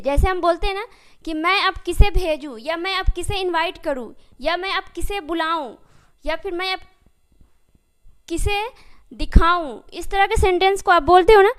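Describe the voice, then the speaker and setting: A woman teaching a spoken English lesson, explaining step by step, asking her students questions and slowing right down on each example sentence. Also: very high-pitched. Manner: addresses students directly and often asks questions.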